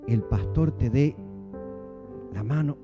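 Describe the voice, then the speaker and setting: Argentine pastor preaching with rhetorical questions. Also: male voice, mid-range voice, slow pace, lo-fi sound, over music. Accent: Argentine Spanish. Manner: animated, rhetorical questions to the congregation. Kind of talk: sermon. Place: church.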